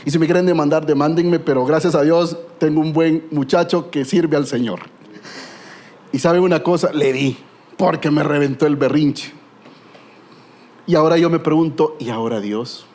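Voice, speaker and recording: A man's voice: on the high side, moderate pace, a little mellow. A middle-aged man preaching a sermon with a Guatemalan Spanish accent, telling stories with humor and rhetorical questions.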